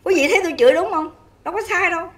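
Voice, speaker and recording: A woman's voice: very high voice, rapid-fire, far from the mic. A woman hosting a livestream, scolding and insulting at length and asking her viewers again and again if she is right. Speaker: livestream host. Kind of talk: angry livestream rant.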